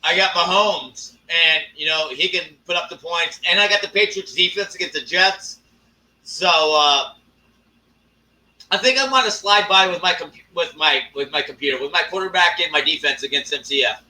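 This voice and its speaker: A man hosting a live stream, talking casually and ranting with lots of swearing and drawn-out fillers. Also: fairly high pitch, bright, forceful tone, far from the mic. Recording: echoey room, off-mic.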